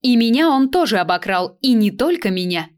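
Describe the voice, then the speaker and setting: A fierce young woman argues in a high, sharp, defiant voice and refuses to back down. A woman reader puts her on in a story reading. She sounds stubborn and quick to snap. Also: expressive, lightly acted. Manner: shrill, defiant.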